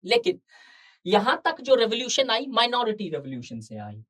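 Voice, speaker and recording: A woman teaching an exam-prep lecture, slowing down to stress key terms and asking the class rhetorical questions. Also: a little high, huge pitch swings, fairly bright tone. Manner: asks rhetorical questions to the students.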